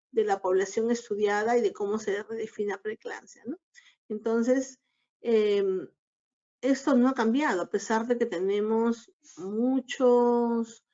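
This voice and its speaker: A woman giving a recorded obstetrics lecture, explaining each slide in a measured way. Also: on the high side, mellow. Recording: dull lo-fi lecture audio.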